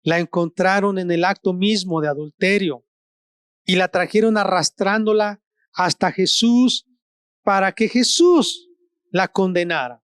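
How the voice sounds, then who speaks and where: A male pastor delivers a sermon at a very unhurried pace, breaking his thoughts into short phrases separated by long pauses. His voice climbs for emphasis and sinks low and quiet on solemn words. The sound is dry and close, with almost no room echo. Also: clean tone. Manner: slow, deliberate preaching with long pauses between short phrases; rises in pitch for emphasis, drops low and soft on solemn words. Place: church service streamed online.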